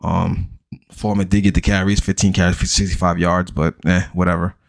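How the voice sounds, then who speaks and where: A man with a very low, deep voice hosts a fantasy football show in loose, profane chat. He reels off numbers quickly and bluntly dismisses players as bums. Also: flat delivery, gravelly. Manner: blunt, profane, rattles off stats, mocking hype. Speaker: fantasy football podcast host. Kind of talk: casual profane sports chat.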